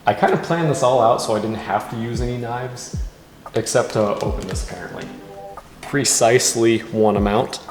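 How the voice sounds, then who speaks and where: A man's voice: mid-range voice, normal speed. A drunk man chatting casually as he hosts a cooking vlog in a kitchen, goofy and giggly, given to bursts of exclamation. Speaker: host of a drunk cooking video. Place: indoors in a kitchen. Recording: reverberant room, music behind.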